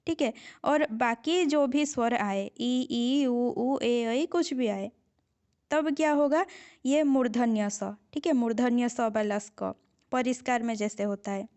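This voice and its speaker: A woman's voice: high-pitched, a little mellow, smooth. A woman teaching a grammar lesson for exam preparation, explaining patiently and repeating key points with frequent check-ins to her students.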